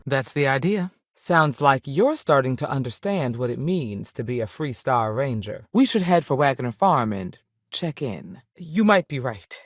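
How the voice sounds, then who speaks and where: In video game dialogue, a woman voices a seasoned space ranger who is firm but fair, plainspoken and authoritative, with folksy turns of phrase. Her rumbling low voice is expressive and heavily acted, a little slow, firm and measured. The studio recording has no echo.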